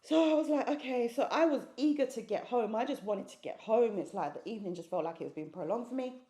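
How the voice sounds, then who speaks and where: A woman's voice: a little high, fast, dark tone. Earnest British woman, echoey room. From United Kingdom. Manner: earnest, emphatic, repeats phrases. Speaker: interview guest giving testimony. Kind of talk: personal testimony.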